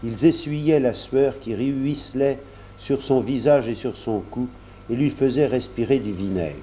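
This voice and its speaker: A man narrating a storybook in a steady, measured way. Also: mid-range voice, slight background noise.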